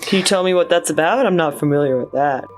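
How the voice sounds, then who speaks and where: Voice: mid-range voice, fast, soft background music. A player in a tabletop game, speaking in a friendly, easygoing way. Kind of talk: tabletop game play, in character.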